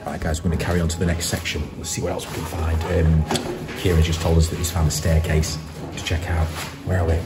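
Deep-voiced English Midlands man exploring in awe. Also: level tone, fairly quick. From England. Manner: hushed, awed commentary. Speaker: urban explorer host. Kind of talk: handheld exploration vlog. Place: dark abandoned school building, indoors. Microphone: camera mic held at arm's length. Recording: echoey empty rooms with loud music.

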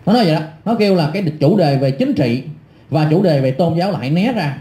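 A man's voice: fairly high pitch, animated, fast talker, mellow, echoey room. A middle-aged man delivering an angry, scornful rant full of insults and repetition. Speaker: online commentator. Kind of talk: angry ranting monologue.

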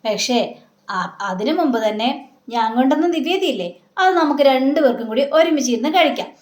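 A woman's voice: sits high, animated, fairly quick, darkish tone. A woman reading the lines of a young husband who teases and defends himself, in an echoey room. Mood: defensive. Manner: plain retelling of a man's lines.

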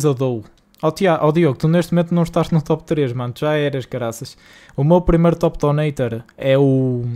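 Gaming live from his home streaming room, a young Portuguese man with a northern Porto accent bantes casually with viewers, slangy and exasperated. His voice is on the high side with a darkish tone.

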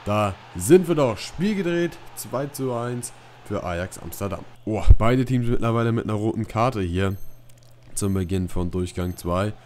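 A man's voice: on the low side, expressive, moderate pace, darkish tone, a little hiss or hum. A man casually commenting on a football video game, reading menu options aloud and reacting loosely. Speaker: gaming YouTuber. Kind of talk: casual let's-play commentary.

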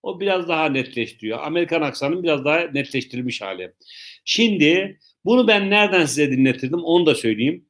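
Man teaching, slightly high voice. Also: lively intonation, a bit bright. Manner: explains slowly, repeats himself, joking asides to students. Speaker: English teacher. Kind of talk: live online English lesson, reading viewer questions.

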